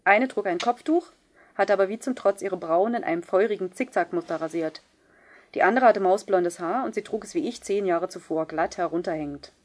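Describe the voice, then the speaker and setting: Woman reading a novel aloud, measured. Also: mid-range voice. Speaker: audiobook reader. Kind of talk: scripted first-person narration.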